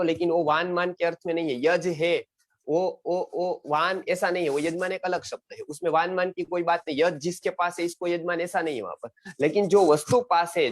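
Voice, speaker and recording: A middle-aged man from India teaching an online Sanskrit lesson, repeating words and checking that his students follow. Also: fairly high pitch. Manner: quizzing students, repeats words, frequent "samajh gaye?". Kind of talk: explanatory online class lecture.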